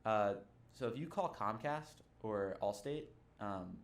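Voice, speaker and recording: A man's voice: on the low side, lively intonation, takes it slowly. A young man co-hosting a podcast, chatting loosely with friends and swearing freely. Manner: loose, profane banter. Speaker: podcast co-host. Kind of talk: casual chat.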